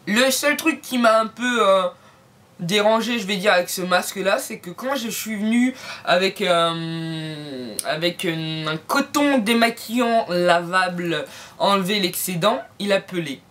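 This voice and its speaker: A woman's voice: mid-range voice, lively intonation, unhurried, a bit bright. Playful woman chatting through a beauty review. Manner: playful, jokey asides to viewers. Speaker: beauty vlogger. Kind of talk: casual product review vlog. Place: home.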